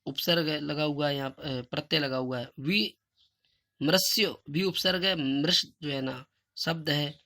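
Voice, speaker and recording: A man teaching a Sanskrit lesson, reading questions slowly and emphatically, then explaining them in casual Hindi. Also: on the high side, steady tone, bright, forceful tone. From India. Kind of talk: recorded classroom lesson.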